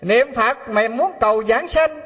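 A man with a Southern Vietnamese accent giving a storytelling Buddhist sermon, animated and full of rhetorical questions to the audience. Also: very high-pitched, a little slow. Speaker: Buddhist preacher. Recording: long hall reverb.

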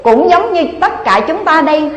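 A woman gives a Buddhist dharma talk, telling a parable and turning to her listeners with rhetorical questions. Her voice sits high. It echoes through a large hall with a long reverb. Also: lively intonation, moderate pace. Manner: addresses listeners often, asking them rhetorical questions. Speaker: Buddhist preacher.

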